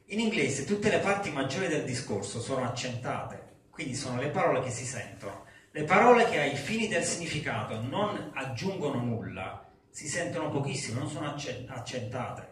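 A man's voice: medium pitch, big pitch swings, fairly bright tone, far from the mic, slight background noise. Man teaching in an echoey classroom. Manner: explains patiently, switching into slow, emphatic English drills. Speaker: English teacher. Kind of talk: classroom lecture. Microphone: far recorder in the room. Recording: echoey classroom taped from afar.

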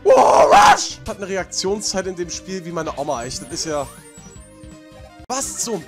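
A man doing gameplay commentary as a let's play host, prone to shouted outbursts and swearing, with game music behind him. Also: high-pitched, expressive, moderate pace. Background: video game music.

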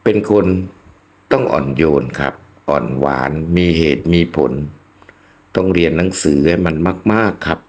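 A man in his sixties, a channel host, giving a slow reflective monologue to his viewers and often calling them friends. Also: low-pitched, expressive, a little mellow. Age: 60s. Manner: slow, preachy, addresses listeners as friends.

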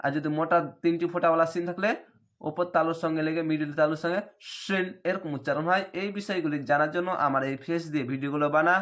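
A man's voice: on the high side, fairly even intonation, fairly bright tone. A man teaching Quran reading in Bengali, spelling out each letter and vowel mark before reciting the word. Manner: spells letters and vowel marks slowly, then reads the word drawn out.

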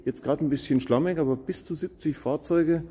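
A man's voice: on the high side, a little fast, mellow, breathy edge. Chatty man in a reverberant hall. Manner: chatty, informal, enthusiastic asides. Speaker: camping vlogger, interviewer. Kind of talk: casual on-location chat. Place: camper showroom, large indoor hall.

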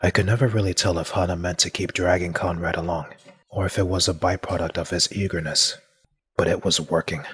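Voiced as a deep raspy deadpan zombie. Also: male voice, a little fast, exaggerated voice. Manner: deadpan, dry. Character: Zombie, calm undead man narrating. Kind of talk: fan audio drama narration.

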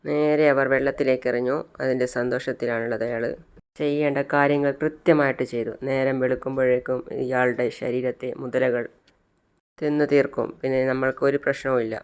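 A man casually retelling the plot of a TV serial as a steady storyteller. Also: medium pitch, fairly quick, clean tone.

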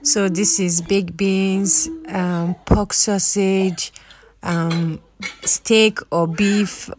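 A young woman with a Nigerian English accent, chatting playfully to her vlog camera and slipping into pidgin phrases. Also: on the low side. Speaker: vlogger. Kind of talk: casual vlog chat to camera.

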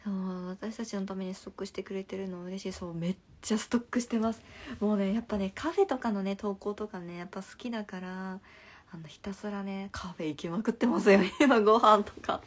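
A young woman hosting a casual live stream, chatting through viewers' comments and often dropping into a soft half-whisper, speaking into a phone. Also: mid-range voice, brisk. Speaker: livestream host.

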